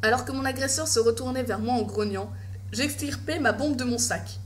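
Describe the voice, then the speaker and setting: A woman's voice: a little high, brisk, slight background noise. A woman reading a scripted first-person horror story as its narrator.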